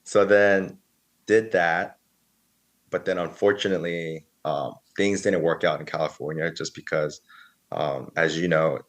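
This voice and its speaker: A man in his thirties with a very deep, low-pitched voice tells his story as a podcast guest. He rambles casually, repeating "so then" and "like", and acts out the words of others. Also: fairly even intonation, unhurried. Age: 30s. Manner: rambling, filler-heavy, quotes others.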